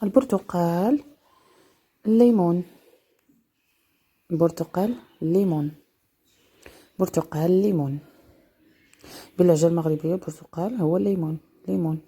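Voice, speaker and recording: Slow, low-voiced woman teaching vocabulary. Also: warm tone, breathy edge. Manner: slow, repeating each word several times. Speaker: dialect teacher. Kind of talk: slow vocabulary lesson with repetition.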